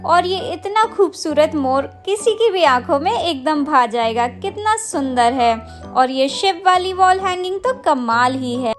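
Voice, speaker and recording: An enthusiastic woman narrates a market-tour vlog in a high, bright voice. She speaks straight to her viewers, and faint music plays under her narration. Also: expressive, a little slow. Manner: enthusiastic, addresses viewers directly. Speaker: travel vlogger.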